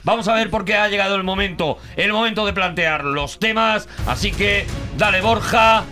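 A man's voice: sits high, fairly quick, pushed and bright, faint music behind. A man hosting a comedic radio show, teasing the others with ironic, mock-grand remarks. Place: radio studio.

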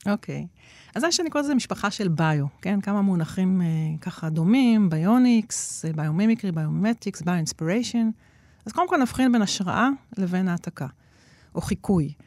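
A woman's voice: medium pitch, expressive, darkish tone, dry recording. A woman being interviewed as an expert, explaining at length with frequent hesitation fillers. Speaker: guest expert on nature-inspired innovation.

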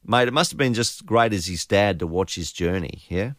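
A male breakfast radio host with a Queensland accent. His voice sits low and sounds close and dry, and he chats casually with matey Australian slang. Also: moderate pace, a bit bright, no room sound. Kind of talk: casual radio interview chat.

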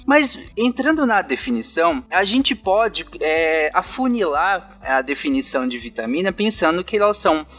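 High-pitched Brazilian man explaining casually. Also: very animated, moderate pace, few pauses, fairly bright tone, soft background music. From Goiânia, Brazil. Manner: didactic, rephrases as he explains. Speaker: podcast panelist.

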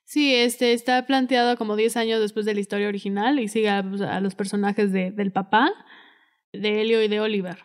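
A woman's voice: mid-range voice, fairly even intonation, a little fast. A woman co-hosting a podcast in casual film discussion, speaking earnestly and with feeling. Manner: earnest and emotive, quotes dialogue expressively. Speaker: podcast co-host.

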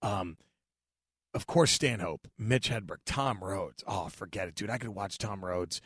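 A man, a stand-up comedian, chatting casually and telling profane, animated stories as a podcast guest, acting out other people's lines. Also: sits low, measured pace, breathy edge, dry recording, studio quality.

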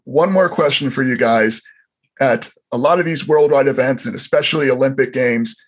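A man hosting a podcast, asking questions and reading a polished outro. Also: medium pitch. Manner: polished, clear delivery. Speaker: podcast host. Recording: faint music behind.

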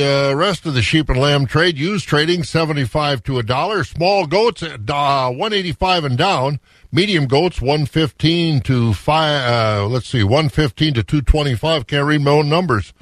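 A man's voice: fairly high pitch, fairly bright tone, dry recording, clean studio sound. An American man hosting a radio farm report in a conversational, off-the-cuff way. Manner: conversational, unscripted asides. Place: radio studio.

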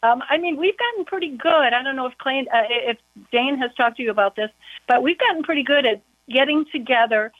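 A woman's voice: high-pitched, fairly quick, no room sound. A woman on a county board, calling in to a casual interview and talking chattily with lots of "you know" fillers. Her voice comes through a muffled phone line, as if heard through a wall.

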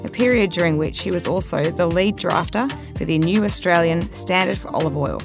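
A woman reading a scripted, measured program introduction. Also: fairly low pitch. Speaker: program narrator. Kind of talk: scripted narration. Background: music.

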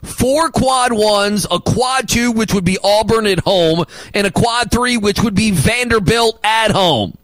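A male sports radio host arguing basketball opinions and rattling off stats, with emphatic loud bursts. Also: high-pitched, measured pace, few pauses, dry recording, poor audio.

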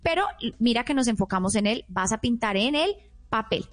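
A woman's voice: fairly high pitch, expressive, normal speed. A woman parenting expert explaining in a teaching manner, acting out example phrases a parent might say. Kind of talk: explanatory podcast talk.

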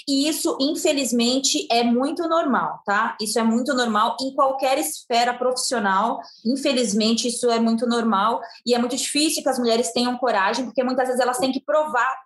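A woman's voice: fairly high pitch, moderate pace, hardly any pauses, echoey room. A woman host in a live TV discussion, talking earnestly with a Brazilian accent and repeating her points with many fillers. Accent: Brazilian Portuguese. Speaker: sports show host.

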